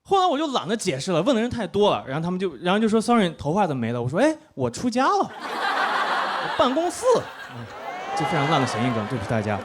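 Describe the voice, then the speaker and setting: A man's voice: fairly high pitch, sing-song, rapid-fire, slight background noise. A young man performing a stand-up set on stage, joking at his own expense. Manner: self-mocking, jokey. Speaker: stand-up comedian. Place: comedy stage with live audience.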